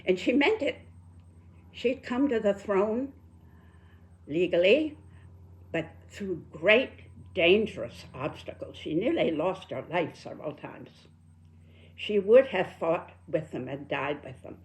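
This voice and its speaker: A woman in her nineties speaks very slowly in a lowish voice. She gives a reflective, solemn talk like a storyteller, setting out short phrases with long pauses between them. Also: expressive, a little mellow. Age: 90s. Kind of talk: reflective spoken talk with quoted passages.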